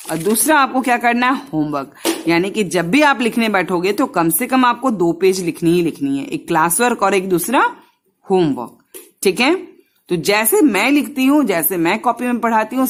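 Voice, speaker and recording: A woman teaches young children, speaking. She stretches each syllable slowly and repeats the drill line by line. She addresses the kids gently and directly. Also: mid-range voice. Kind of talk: children's Hindi lesson.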